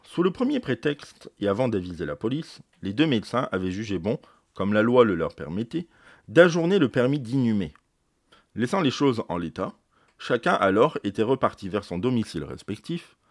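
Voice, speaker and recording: A male teacher reading a novel aloud for his class, steady and deliberate. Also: on the low side, no room sound, studio quality.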